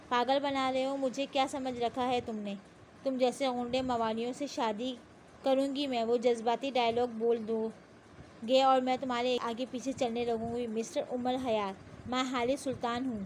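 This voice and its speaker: A woman reading the part of a proud, hot-tempered young woman in an audio novel, sharp and indignant in her lines. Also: sits high, a little hiss or hum, lightly acted.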